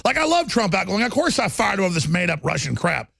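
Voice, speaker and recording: A man hosting a political talk show, talking fast and emphatically and cutting in on his guests. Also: high voice, very animated, vocal fry, fairly bright tone.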